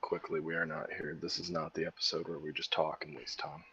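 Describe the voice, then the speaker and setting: A man's voice: extremely low pitch, flat delivery, brisk, pushed and bright, dull audio, a little hiss or hum. A tired-sounding man co-hosting a casual livestream, joking and sarcastic. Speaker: co-host.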